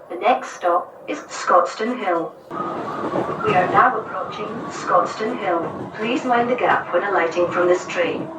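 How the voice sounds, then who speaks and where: A woman giving measured, formal station announcements over a train's intercom. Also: mid-range voice, background noise. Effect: played over the train's intercom. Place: inside a moving train carriage. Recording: echoey onboard speaker heard from a distance.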